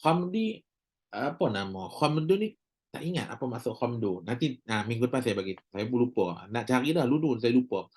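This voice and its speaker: Here a man with a Malaysian Malay accent leads a recorded recitation lesson, keeping it chatty and full of jokes while he draws out sounds as models. He speaks at a moderate pace in a medium, sing-song voice that's a little mellow, typical of a relaxed class lecture.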